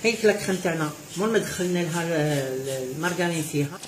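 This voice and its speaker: A woman's voice: low-pitched, racing, slight background noise, low-quality recording. A woman with an Algerian Arabic accent hosts a home cooking demonstration. She keeps telling viewers to look as she works, and mixes French words into her speech. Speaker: cooking show host.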